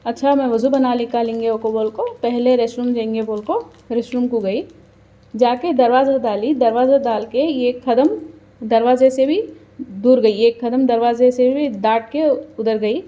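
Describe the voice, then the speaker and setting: A woman's voice: fairly high pitch, fairly even intonation, normal speed, mellow, lo-fi sound. A woman with a Hyderabadi accent telling a personal story in a casual, earnest way, acting out what people said. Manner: earnest, chatty, quotes people aloud. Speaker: mother telling her story.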